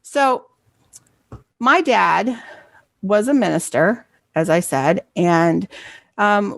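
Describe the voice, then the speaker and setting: Middle-aged woman with a gravelly voice. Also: mid-range voice, dry recording. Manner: conversational, asks "right?" for assent. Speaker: library program coordinator. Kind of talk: presentation with personal storytelling.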